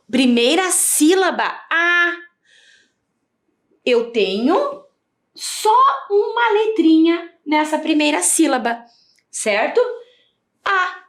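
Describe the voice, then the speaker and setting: A Brazilian woman teaching a video reading lesson to young children, stretching out syllables and asking sing-song questions. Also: high-pitched. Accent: Brazilian Portuguese. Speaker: primary school teacher.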